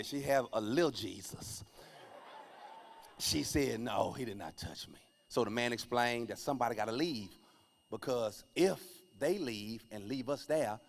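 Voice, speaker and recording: A male comedian with a Southern American accent telling stand-up stories in a church, swinging from loud outbursts to mumbled asides. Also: mid-range voice. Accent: Southern American English. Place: church stage, live audience.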